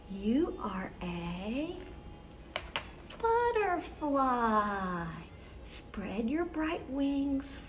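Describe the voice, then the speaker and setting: A woman with a high voice reads picture books aloud at a children's story time, expressive and careful in her phrasing for young listeners. Slight background noise can be heard.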